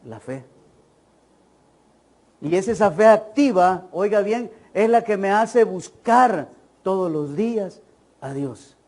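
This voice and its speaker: A man preaches a church sermon in a notably high voice. He presses his points emphatically, fires rhetorical questions at the congregation and keeps urging them to listen well. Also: lively intonation, slow, long pauses, a little mellow. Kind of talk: evangelical sermon. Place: church service.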